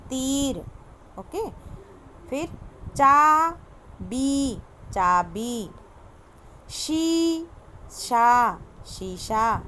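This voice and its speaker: A woman's voice: on the high side, a little hiss or hum. A woman teaching a kindergarten Hindi class online, stretching out each word and checking in with the children. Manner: slow, drawn-out word-by-word pronunciation with frequent "है ना?".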